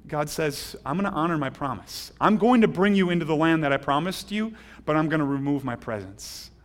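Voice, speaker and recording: A man preaching a sermon as a pastor, animated and acting out quoted voices. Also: on the high side.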